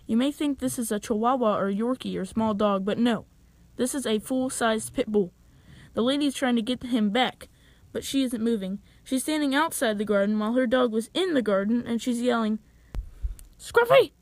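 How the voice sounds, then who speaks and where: A young woman tells a story for her animated video, her voice pitched a little high and sitting close and dry with no room sound. She delivers it with wry, deadpan humor and mock drama. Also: no echo. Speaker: channel owner telling a story.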